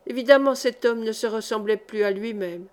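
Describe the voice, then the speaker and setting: A woman reading a historical novel aloud as an audiobook, with steady, clear narration. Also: on the high side, moderate pace. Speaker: audiobook reader.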